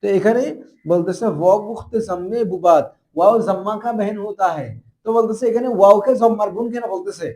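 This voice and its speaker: This classroom Arabic grammar lesson comes from a madrasa teacher whose voice is high-pitched and mellow. He speaks at a quick pace and keeps quizzing his students with a steady stream of rhetorical questions.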